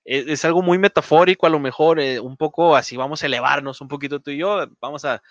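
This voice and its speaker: A man's voice: a little high, fast talker, no echo. A man with a Mexican accent hosting a podcast in casual conversation, rambling with lots of fillers and laughing often. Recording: dull, dry podcast audio.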